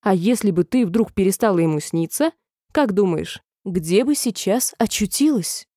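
A woman's voice: mid-range voice, expressive, normal speed, dark tone, no echo, clean studio sound, lightly acted. A woman voicing a smug, quarrelsome little twin boy in a storybook reading, speaking in a teasing, matter-of-fact way.

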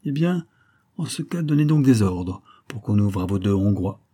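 A man's voice: on the low side, expressive, moderate pace, warm tone, breathy edge. A man reading the lines of a proud French count who speaks formally and courteously. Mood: courtly. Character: French nobleman count, proud, startled hunter.

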